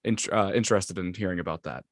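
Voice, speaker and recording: A man's voice: low-pitched, fast talker, no room sound, studio quality. A man hosting a music podcast, upbeat and rambling with plenty of fillers. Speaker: podcast host. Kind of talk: podcast interview. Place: small studio room.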